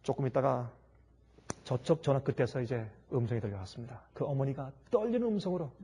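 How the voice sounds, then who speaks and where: A man's voice: medium pitch, steady tone, a little fast, mellow, husky. A man preaching a sermon, telling a story dramatically and acting out its people.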